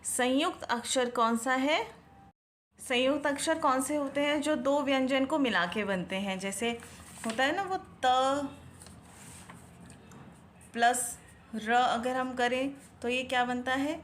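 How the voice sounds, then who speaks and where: A high-voiced woman explains a children's Hindi worksheet, stretching each syllable slowly and asking the viewer what each picture shows. She mixes English words into her Hindi, with a faint hiss behind her. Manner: slow, drawn-out syllables when sounding out words, questions to the viewer. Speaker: Hindi tutor.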